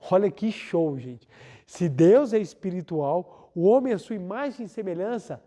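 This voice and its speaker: Mellow-voiced Brazilian man giving a lecture. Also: high-pitched, animated. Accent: Brazilian Portuguese. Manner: earnest, rhetorical questions, drawn-out emphasis. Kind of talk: religious lecture with whiteboard.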